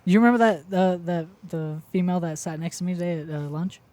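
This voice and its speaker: A man's voice: mellow, no room sound. A young man with a somewhat nasal voice, co-hosting a casual podcast chat and trading jokes. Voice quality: nasal, higher voice. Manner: quick, joking banter. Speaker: podcast co-host.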